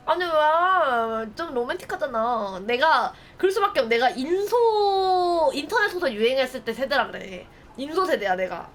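A woman's voice: high-pitched, fairly bright tone, a little hiss or hum. A young woman streamer chatting casually with viewers, telling stories playfully and acting out little scenes with laughter.

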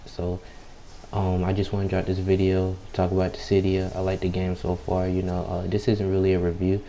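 A young man with a low, subdued voice giving unhurried, laid-back, slangy casual gameplay commentary. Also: monotone, warm tone, low-quality recording. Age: young adult. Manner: unhurried, laid-back, slangy, frequent "you know" filler; keeps clearing throat. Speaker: gaming YouTuber. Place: at home late at night, people nearby. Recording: home mic with background noise.

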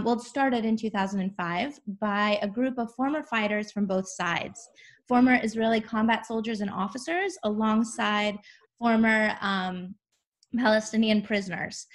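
A middle-aged woman introducing her nonprofit on a video call, earnest, with frequent fillers. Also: a little high. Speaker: nonprofit director. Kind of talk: introductory remarks. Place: room with windows indoors. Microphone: laptop camera on video call.

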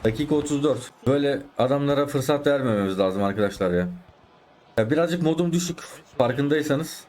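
A man's voice: mid-range voice, lively intonation, fairly quick, darkish tone. A man with a sore throat, commentating his own soccer gameplay and getting frustrated and swearing at the opponent and the game. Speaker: gaming YouTuber.

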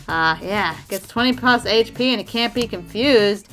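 A woman hosting a casual card unboxing, chatting to viewers in a bubbly, excitable way. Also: medium pitch, normal speed, faint music behind. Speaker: trading card unboxing host.

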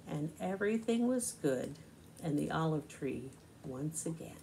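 A woman in her sixties with a deep, creaky voice reads a picture book aloud to young children, deliberate and expressive, pausing for explanatory asides. She sounds like a children's storybook reader in a small indoor living room. The home recording is amateur and noisy.

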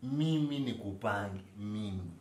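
A man's voice: lowish voice, lively intonation, unhurried, a little mellow. A young man with a Kenyan accent playing an evasive husband who protests repetitively in a comedy skit. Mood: flustered protest. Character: evasive young husband stubbornly denying everything. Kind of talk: comedy skit acting in everyday conversational speech. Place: small living room, indoors. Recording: echoey room, faint background noise.

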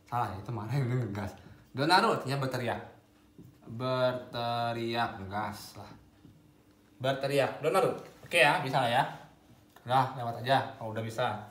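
A man's voice: mid-range voice, brisk, fairly bright tone, reverberant. A man with an Indonesian accent teaching Japanese in a casual video lesson, playful and teasing, laughing often.

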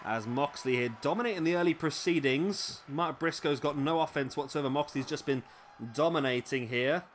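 A man commentating on a wrestling game in a casual, chatty way, with a slightly high voice. He keeps adding tag questions and correcting himself, and his voice is thrown off by hiccups. Faint noise sits under the recording. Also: normal speed, a faint crowd.

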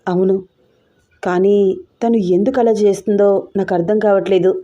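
A woman voicing a lovesick, insistent young man who speaks in a lowered, pressing voice in an audio story. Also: normal speed, warm tone, lo-fi sound, lightly acted. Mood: brooding.

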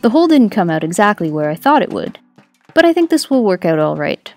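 A woman's voice: mid-range voice, big pitch swings, brisk. A woman giving an upbeat, scripted voice-over for a sailing vlog. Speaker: vlogger narrator. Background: music.

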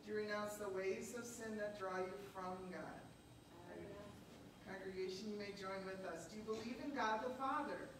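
A woman's voice: mid-range voice, steady tone. Woman pastor in cathedral-like echo. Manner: measured, solemn phrasing. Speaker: pastor leading a baptism. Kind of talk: formal liturgical reading. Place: church sanctuary, recorded from the congregation. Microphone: far camera. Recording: very echoey church, distant mic, noisy.

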